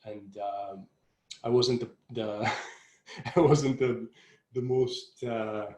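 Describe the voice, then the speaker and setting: A man around forty, originally from Jordan, talking about his life in a rambling, halting interview manner full of restarts. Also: mid-range voice, steady tone, darkish tone. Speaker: classical guitarist guest. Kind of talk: casual interview chat. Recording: roomy echo.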